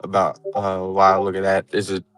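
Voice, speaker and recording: A man chatting casually on a crypto livestream, asking questions and reacting quickly. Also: deep voice, completely flat delivery, fairly bright tone, dry recording, faint music behind.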